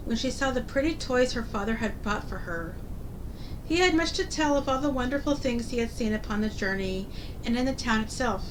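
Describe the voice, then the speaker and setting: A woman narrates a storybook in the manner of a fairy tale opening. Her voice sits on the high side, with a read-aloud storyteller delivery. A clear low rumble of noise runs behind her. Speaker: host reading stories aloud.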